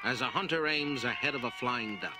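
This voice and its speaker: A man's voice: medium pitch, a little fast. A man reading scripted, dramatic documentary narration. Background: music.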